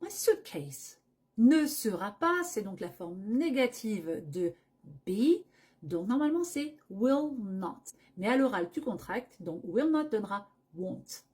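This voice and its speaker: Breathy woman teaching English. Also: medium pitch, sing-song, slow, a little mellow. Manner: explains pronunciation step by step, acts out short travel scenes. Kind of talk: language lesson.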